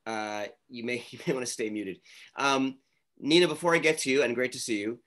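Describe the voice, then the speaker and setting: A man's voice: medium pitch, brisk, a bit bright. A man informally leading an online class, encouraging and jokey as he facilitates the group. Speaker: prayer class leader, cantor. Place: online video meeting.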